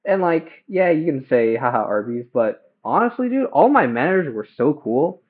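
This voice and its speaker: A young man chatting casually and haltingly while cooking at home, livestreaming through headphones used as a mic. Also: on the high side, sing-song, narrow, tinny audio. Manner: hesitant, halting, self-questioning. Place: home kitchen. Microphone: headphones used as a phone mic.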